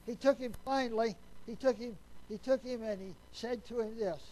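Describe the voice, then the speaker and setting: A man with a notably high voice preaching a Sunday sermon in a plain, folksy manner. He keeps putting questions to the congregation and sinks to a hushed voice when he reaches solemn points. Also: normal speed, low-quality recording.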